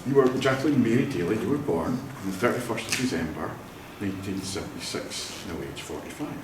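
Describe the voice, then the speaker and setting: Leading a vow renewal ceremony in a church hall, a Scottish celebrant speaks a little fast in a fairly low, lively voice. He tells family anecdotes with good humor and frequent laughter, picked up by a distant mic in an echoey, noisy room.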